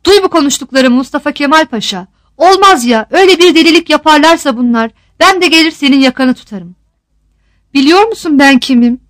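A woman's voice: sits high, expressive, a little fast, a bit bright, dry recording. A woman voicing a scornful, defiant old island woman who mocks and scolds with rhetorical questions. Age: older.

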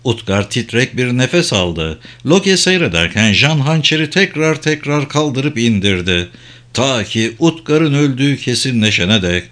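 A man narrating an audiobook in a steady, even reading voice. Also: medium pitch, unhurried. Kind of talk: scripted narration.

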